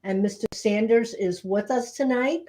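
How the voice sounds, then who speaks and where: A woman's voice: on the high side, moderate pace, mellow. A woman chatting casually as co-host of a live show, speaking as a Reiki teacher.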